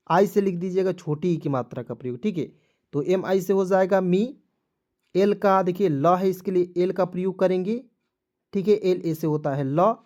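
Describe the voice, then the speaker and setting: A man's voice: high voice, darkish tone, muffled recording. A man giving a step-by-step online spelling lesson, often checking in with his viewers and repeating each step. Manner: repetitive, addresses viewers as friends, checks with "ठीक है". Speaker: online English tutor.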